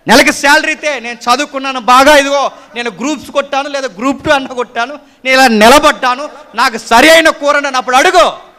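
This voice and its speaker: Very high-voiced scolding male preacher. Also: sharp tone. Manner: scolding, emphatic. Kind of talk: sermon.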